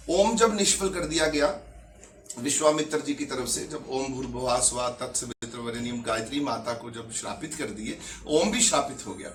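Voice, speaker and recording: A man's voice: on the high side, fairly bright tone, a little hiss or hum. A man speaking as a spiritual leader who answers questions at a religious gathering, emphatic and explanatory. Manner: emphatic, preaching, explains terms. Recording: echoey, far from the mic.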